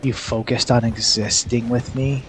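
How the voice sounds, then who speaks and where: A male streamer talks through a horror match at an unhurried pace, chatting with his viewers between bursts of loud reaction. His voice sits at a middle pitch. A faint room ambience hums behind him. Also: flat delivery, background noise. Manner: chatty, reacts loudly and reads chat aloud. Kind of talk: live gameplay commentary.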